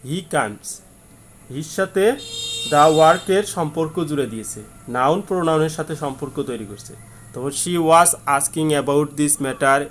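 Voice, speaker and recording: A man teaching an English grammar lesson with a Bangladeshi accent, who explains slowly, reads example sentences word by word and answers his own questions, clearing his throat often. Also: on the high side. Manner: frequent throat clearing and "ah" fillers.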